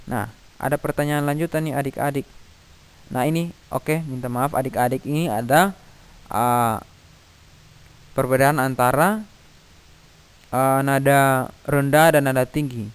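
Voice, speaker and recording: A middle-aged man, patiently explaining a physics lesson to children, pausing and singing note names to demonstrate. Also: mid-range voice, smooth. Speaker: teacher.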